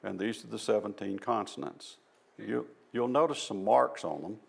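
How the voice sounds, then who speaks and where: A man with a Southern US accent talks a church group through a topic in an informal, folksy way. His voice sits low and carries a heavy gravelly fry, and he explains step by step with a self-deprecating touch. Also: normal speed. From American South. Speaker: presenter at a church. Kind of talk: informal presentation on language. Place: church hall.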